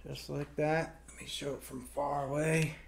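With a fairly high pitch, flat delivery and some vocal fry, a middle-aged man talks at normal speed through a casual hands-on product demo. He's a hobby vlogger, folksy and plain-spoken, filming in a small room at home. A camera a few metres back picks him up, giving a very echoey, distant sound with faint noise.

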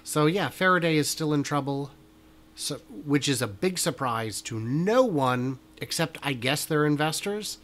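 A man's voice: a little high, animated, a little slow, a bit bright. A man co-hosting a casual news chat show, joking around and thinking aloud. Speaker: podcast co-host.

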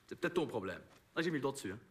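A man's voice: mid-range voice, very animated, very fast, natural voice. An actor playing a pushy, patronizing male glamour photographer in a film comedy, with a Belgian French accent and a habit of adding "hein" to his sentences. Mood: defensive. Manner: bossy, patronizing, tacks "hein" onto sentences.

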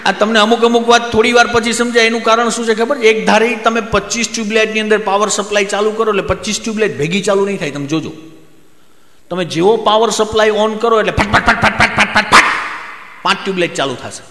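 Man, Gujarati accent, stand-up comedy storytelling, high voice, roomy hall with long reverb. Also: fast talker. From Gujarat, India. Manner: lively joke telling, voices friends in quotes.

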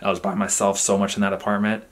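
An American man in his twenties, a soccer player, excitedly vlogging in a rambling casual way on a handheld camera. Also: lowish voice, fast talker, a little hiss or hum. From USA. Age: 20s. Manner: excited, rambling, restarts sentences. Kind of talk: casual vlog narration. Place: indoors at home and outdoors in the city. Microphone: handheld action camera.

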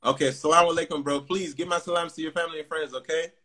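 An upbeat man in his forties chats through a livestream video call, his voice a bit higher than most men's. He talks into a phone held close in an indoor room, with quick greetings and frequent laughter. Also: fairly even intonation, pushed and bright. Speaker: livestream host. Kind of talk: casual video call chat. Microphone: phone at close range.

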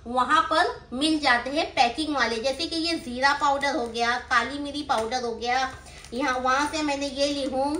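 This grocery haul chat comes from a middle-aged woman with a Mumbai accent, vlogging casually while seated on the floor indoors in a small room. Her high voice is pushed and bright, with a steady tone and moderate pace, and she explains as she goes, adding little questions to her phrases. The phone recording her is held by someone nearby, giving a roomy echo and faint background noise.

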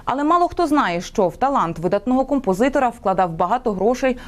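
A woman's voice: on the high side, animated, fast. A woman news anchor reading scripted news in a formal broadcast style.

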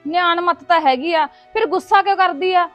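A woman's voice: very high-pitched, normal speed, a bit bright, faint music behind. A woman playing a bossy elder sister-in-law who scolds and insists on her seniority. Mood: self-righteous. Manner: self-righteous, scolding. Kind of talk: Punjabi family sketch acting.

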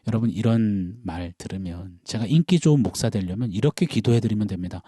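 Male pastor, middle-aged, dramatic sermon delivery with a warm, dark tone and a dry sound. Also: fairly low pitch, fairly quick, breathy edge, dry recording. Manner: dramatic, swings from loud cries to hushed whispers; acts out prayers and congregants in quoted voices. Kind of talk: early-morning sermon.

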